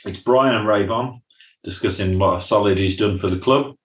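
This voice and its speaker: A man's voice: lowish voice, moderate pace. A man, co-hosting a podcast and chatting casually through a recap, often acting out lines from scenes. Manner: chatty, quotes scenes in funny voices. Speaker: podcast co-host. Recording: roomy echo.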